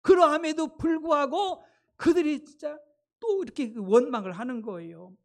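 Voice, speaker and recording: A woman's voice: sits high, animated, moderate pace, darkish tone. A woman pastor delivering a sermon, emphatic and speaking straight to her congregation. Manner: emphatic, addresses the congregation directly.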